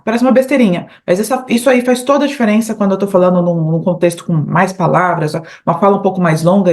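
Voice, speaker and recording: A Brazilian woman with a Brazilian Portuguese accent, teaching English in an online lesson. She explains patiently, repeats English phrases slowly and often adds "né?" and "tá?" at the end of her phrases. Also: mid-range voice, a little mellow.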